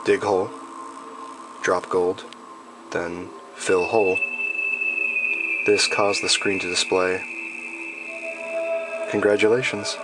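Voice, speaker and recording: A man with a low voice narrates a scripted horror tale. His delivery is measured and ominous, each phrase set down deliberately. Music plays clearly behind him. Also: flat delivery, rough recording. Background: background music.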